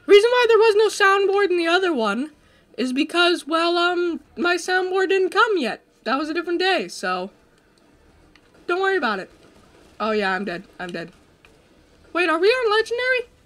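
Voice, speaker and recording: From his desk microphone, a young man with a very high voice hosts a co-op game at normal speed. The talk is casual gameplay chat: he jokes around excitably and tends to trail off with fillers.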